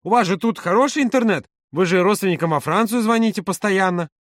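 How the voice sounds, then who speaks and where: A man reading an audiobook, voicing an excitable young woman who keeps exclaiming and pushing for answers. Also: sits high, fast talker, dry recording, clean studio sound, pitched above the performer's own voice. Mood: excited. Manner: exclaiming, insistent.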